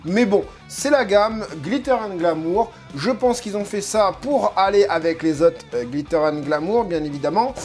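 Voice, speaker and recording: A man's voice: high voice, lively intonation, moderate pace, hardly any pauses, a little mellow. A man casually commenting on a figurine unboxing, joking and rambling with lots of hesitant fillers. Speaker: unboxing video host. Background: faint background music.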